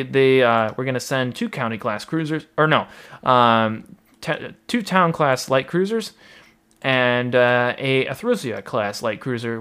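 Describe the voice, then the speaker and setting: A man tells a naval history story in a loose, chatty way. He fills pauses with ums and uhs, corrects himself and drops dry jokes. His voice sits at an ordinary middle pitch. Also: fairly bright tone, clean tone. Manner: rambling, many fillers and asides, wry humor. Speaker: history narrator. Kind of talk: casual history narration.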